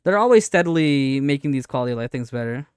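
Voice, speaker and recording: Clear-voiced man, halting casual streamer debate. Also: mid-range voice, expressive, no echo, studio quality. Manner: halting, repetitive, argumentative insistence. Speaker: streamer reacting to a video and answering chat. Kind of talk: casual live commentary, debating game updates.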